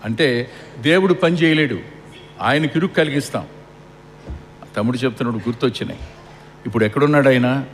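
Middle-aged male preacher at a funeral, mid-pitched voice, rhetorical and repetitive, long hall echo. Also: a little fast, pauses often. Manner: asks the crowd rhetorical questions and repeats for emphasis. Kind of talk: funeral sermon. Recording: long hall reverb with faint air-conditioning hum.

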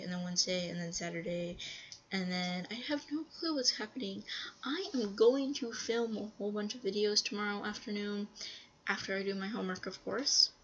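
A woman's voice: mid-range voice, a bit bright, muffled recording, a little hiss or hum. A woman vlogger with a stuffy nose chatting casually to her viewers, rambling with frequent ums. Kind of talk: casual vlog chat.

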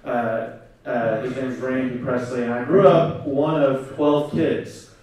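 A South Korean-born man raised in Oklahoma, in his twenties, gives a personal testimony on stage at a conference, speaking earnestly into a handheld mic with many fillers and pauses. His mid-range voice is steady and darkish, captured from a distance in an echoey large hall.

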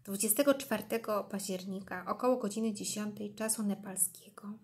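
A woman's voice: mid-range voice, steady tone, moderate pace. Woman reading a children's story aloud. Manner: gently voicing each character's lines; addresses listeners warmly as "kochani". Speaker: reader of a children's book.

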